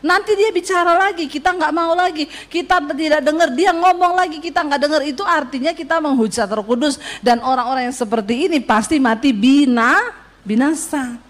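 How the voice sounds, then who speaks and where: Woman preacher w a high voice, storytelling sermon, asks for amens. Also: a little fast. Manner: lively storytelling, acts out quoted voices; calls out to the congregation for an amen.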